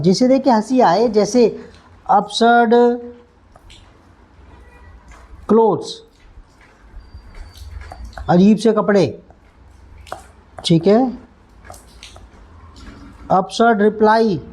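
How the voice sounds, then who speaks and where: A Hindi-speaking man teaching English vocabulary in an online lesson, slowly repeating words and spelling them out letter by letter. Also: high voice, a little mellow.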